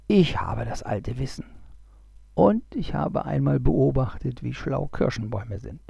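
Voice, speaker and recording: A man's voice: mid-range voice, animated, gravelly, mellow, slightly rough, no room sound, dull audio, exaggerated voice. A man doing an old grumbling goblin. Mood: patient. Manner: unhurried, grumbling. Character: old male goblin, slow and patient. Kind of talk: storybook reading.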